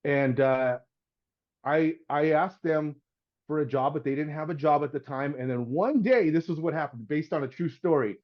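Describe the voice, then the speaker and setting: A man's voice: fairly high pitch, normal speed, muffled recording. A middle-aged man, a house painter and podcast guest, telling a story in a loose, casual way and acting out the voices of the people in it. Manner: animated storyteller, acts out voices, says "man" and "dude".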